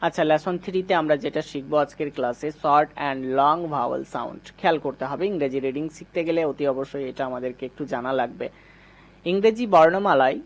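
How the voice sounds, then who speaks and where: A teacher giving an online English reading lesson, addressing viewers directly, asking and answering his own questions and repeating vowel sounds for practice. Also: mid-range voice. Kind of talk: online lesson with slide explanation.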